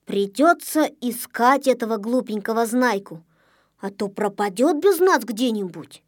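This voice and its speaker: A woman's voice: fairly high pitch, lively intonation, measured pace, dry recording, clean studio sound. Woman voicing a blustering little boy. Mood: bossy. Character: boastful, bossy little boy shorty. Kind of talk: storybook reading.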